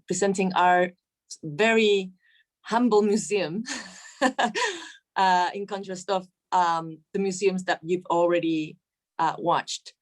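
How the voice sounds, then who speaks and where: A woman from Chile, a museum foundation director, presenting at an online seminar in a friendly, informal way, with halting fillers and easy laughs, heard over a video call. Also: medium pitch.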